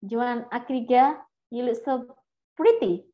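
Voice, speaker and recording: A woman's voice: on the high side, unhurried, muffled recording. Woman lecturer quizzing her class. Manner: calls on students by name, repeats questions. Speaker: law lecturer. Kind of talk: interactive lecture.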